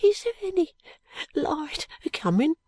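Woman doing a frail, slow-spoken street boy, high and breathy, dry close mic. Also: sing-song, a little mellow, no echo. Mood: feeble. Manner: dialect speech, faint halting whispers. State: weak and breathless. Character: dying ragged street boy, weak and humble.

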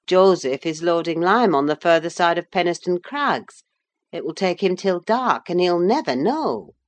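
A woman's voice: on the low side, lively intonation, normal speed, close to an everyday voice. A woman voicing a sullen, jealous teenage boy with a blunt, insistent manner in a classic novel audiobook. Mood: defiant. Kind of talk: audiobook character acting.

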